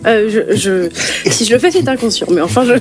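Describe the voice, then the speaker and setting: A woman's voice: a little high, lively intonation, brisk. A woman joins the workout and trades playful, joking lines with the coach. Faint music sits under her voice. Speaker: workout participant.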